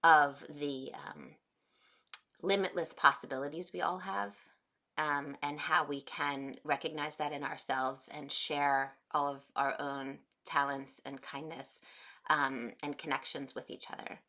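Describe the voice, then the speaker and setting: A woman in her forties guides a meditation class in a low, gentle voice. She speaks unhurriedly, pausing often with soft fillers as she talks the group into slowing down. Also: fairly even intonation. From United States. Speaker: meditation teacher.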